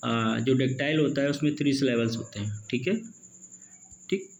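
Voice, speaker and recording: Man teaching exam English, slow question reading. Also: medium pitch, vocal fry, highs cut off, a little hiss or hum. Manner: reads questions slowly, peppers with "ठीक है" and "दोस्तों". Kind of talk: exam-prep lesson in Hindi-English mix.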